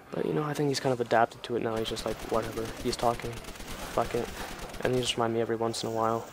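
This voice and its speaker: A teenage boy rambles through casual gameplay commentary, chatty and loose with his swearing. His voice sits at an ordinary middle pitch with little rise and fall. Loud game gunfire and ambience run beneath his mic. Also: fairly even intonation, very fast, background noise. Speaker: gamer. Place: home, at night. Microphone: desk or headset mic. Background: video game gunfire and ambience.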